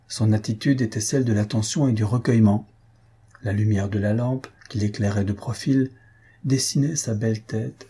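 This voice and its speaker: A man narrating a classic novel as an audiobook in a measured, steady reading. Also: fairly low pitch, husky.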